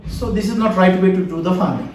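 A man in his forties with an Indian accent lectures fast in a voice that sits high, with background noise audible. He teaches emphatically, posing questions and repeating key phrases, in a small wood-panelled training room picked up by a camera a few feet away, making it very echoey and distant.

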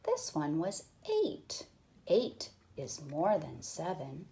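A young woman teacher leads small children through a counting book, drawing out each number very slowly. Her pitch is a little low at rest but swings widely, leaping up in excitement and dropping to playful whispers. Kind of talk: counting read-aloud lesson.

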